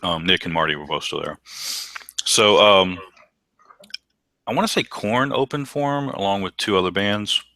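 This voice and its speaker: A man's voice: deep voice, normal speed, long pauses, bright, forceful tone, no echo. A man co-hosting a podcast, telling concert stories in a casual, rambling way with many ums and restarts. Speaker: podcast co-host. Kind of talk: casual chat.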